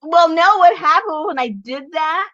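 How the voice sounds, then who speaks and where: Giggly, lively woman telling stories while crafting. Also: extremely high pitch, a little slow. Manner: chatty storyteller who laughs often. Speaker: junk journal crafter and channel host. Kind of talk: casual chat while crafting. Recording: slightly dull lo-fi recording.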